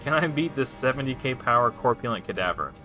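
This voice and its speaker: A man's voice: medium pitch, lively intonation, fast, over music. A man streaming live and casually commenting on his gameplay, rambling with frequent restarts and self-corrections. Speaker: game streamer.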